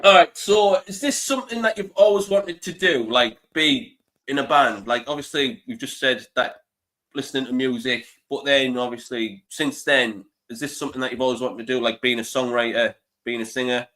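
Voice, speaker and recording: Congested from the flu, this thirtysomething interview host keeps a live conversation casual and chatty, laughing a lot. He speaks at normal speed with a medium-pitched voice that's a bit bright.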